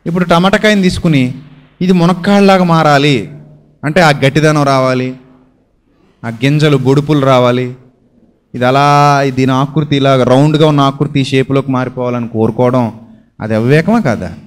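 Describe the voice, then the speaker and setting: A man preaching a sermon, asking his listeners questions and answering them himself with homely everyday examples. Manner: swings between a low, quiet voice and raised, drawn-out emphatic lines.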